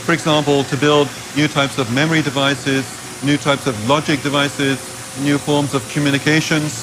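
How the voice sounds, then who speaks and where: A man's voice: a little high, little pitch movement, normal speed, noisy background. Middle-aged male researcher in a lab. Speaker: researcher being interviewed. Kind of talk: interview explanation. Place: lab with machinery.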